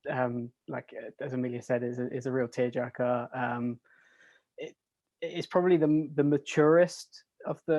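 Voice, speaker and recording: A man's voice: mid-range voice, darkish tone, dry recording. Hesitant man, dry close mic. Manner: hesitant, full of restarts and hedging. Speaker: podcast guest. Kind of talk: casual podcast chat.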